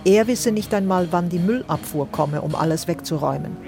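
Low-voiced woman narrating a radio report. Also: a little fast, vocal fry, music in the background. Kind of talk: scripted news narration.

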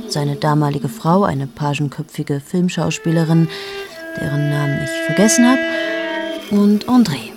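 Voicing a restless female journalist, a thirty-something actress delivers a radio play monologue with low-pitched, intimate, confessional storytelling that frequently falls to a whisper.

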